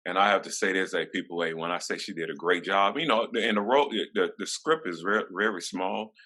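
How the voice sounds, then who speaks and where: A man hosts a casual interview in a very low voice. His tone is bright and forceful, and he keeps the talk warm and encouraging with plenty of fillers. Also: brisk. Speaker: interview host.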